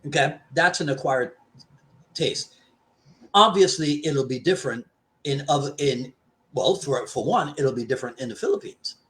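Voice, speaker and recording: With a mid-range, somewhat bright voice, this Caribbean man talks animatedly at a moderate pace. Born in Trinidad and raised in Barbados, he is a martial arts instructor in a casual discussion, thoughtful, prone to frequent restarts and emphatic about key points.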